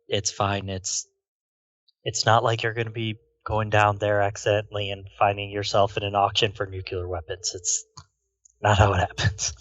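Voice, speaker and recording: A man with a low voice playing a tabletop game in character, calm and matter-of-fact. His mic sounds dull and lo-fi, with a completely dry, close sound. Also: moderate pace, dry recording. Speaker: player.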